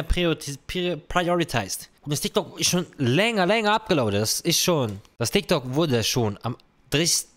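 A man's voice: a little high, a bit bright. A young man, reacting casually to comments on his own video, dropping slang and English phrases. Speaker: content creator.

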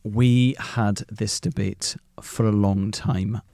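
A man with a gravelly, mid-pitched voice banters on a comedy radio podcast, self-deprecating and quick to defend himself. His voice sits close to the mic, dry and with no room echo. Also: steady tone, warm tone. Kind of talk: casual comedic chat.

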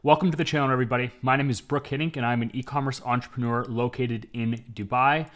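A man's voice: mid-range voice, steady tone, fast, fairly bright tone. A young Canadian man with a Canadian accent, giving an upbeat tutorial to camera as an e-commerce educator. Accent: Canadian English. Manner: upbeat, clear explainer with casual fillers. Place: dim indoor studio.

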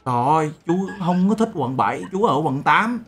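A man's voice: fairly high pitch, animated, normal speed, fairly bright tone, husky, faint music behind. A man in his twenties from Vietnam, a streamer chatting casually and teasing with mock-serious storytelling. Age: 20s. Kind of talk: casual video-chat banter.

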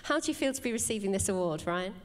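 A woman's voice: mid-range voice, expressive, fast. A woman hosting an awards ceremony, presenting winners and asking upbeat, encouraging questions. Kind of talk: presenting and on-stage interviewing.

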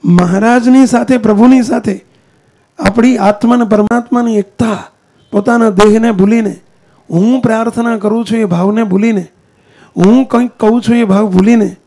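A man delivers a sermon, pitched high with a gravelly edge to his voice. He speaks straight to his listeners, throwing them questions and challenges as he preaches. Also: fairly even intonation, normal speed, warm tone. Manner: addresses the congregation directly with questions and challenges. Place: temple hall.

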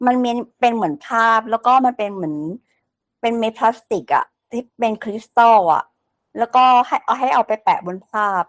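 A woman co-hosting a casual Thai podcast, chatty and quick to laugh as she shares her own experiences. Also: fairly high pitch, expressive. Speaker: podcast co-host. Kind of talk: casual chat.

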